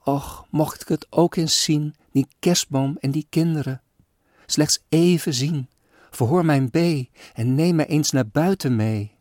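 A man voicing a feverish, frail poor little girl who pleads softly in a storybook poem. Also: a little high, a little slow, dry recording, clean studio sound, voice pushed up, natural voice. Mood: longing.

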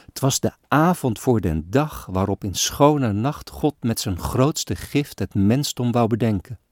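A man giving a solemn, expressive recitation of an old-fashioned story poem. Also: medium pitch, a little slow, dry recording, clean studio sound. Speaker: reader. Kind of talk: dramatic poetry recitation.

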